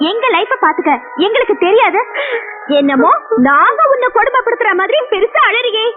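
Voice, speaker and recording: A sharp-tongued young daughter. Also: female voice, very high-pitched, big pitch swings, moderate pace. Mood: scornful. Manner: scolding, retorting. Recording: phone-like band with film music.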